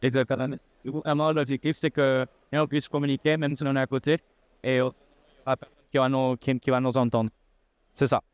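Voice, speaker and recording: A man's voice: medium pitch, flat delivery, a little fast, smooth, no room sound. A man in his twenties from Costa Rica, demonstrating a product in a casual way and often saying filler words. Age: 20s. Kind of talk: casual demo talk.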